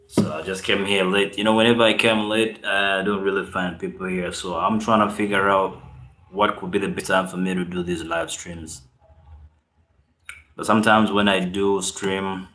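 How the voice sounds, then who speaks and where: A man with a Ugandan accent hosts a relaxed live stream, chatting to viewers and reading their comments aloud. His voice sits fairly low and sounds roomy, with echo from the space around him. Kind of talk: casual live-stream chat.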